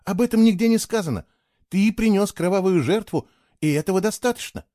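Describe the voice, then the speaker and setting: Audiobook casting: headstrong young woman, high and insistent, played by a male reader, dry close sound. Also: a little fast, warm tone, no room sound, close to an everyday voice. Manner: insistent, raised voice. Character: stubborn, spirited young woman, quick to argue.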